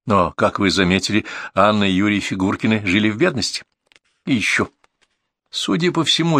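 A man voicing a cool-headed police detective who reasons calmly and without hurry. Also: on the low side, no echo, studio quality. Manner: composed, unhurried reasoning.

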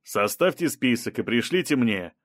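A man's voice: mid-range voice, animated, normal speed, dry recording, studio quality, lightly acted. A man voicing a stern male federal police officer giving curt commands. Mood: businesslike.

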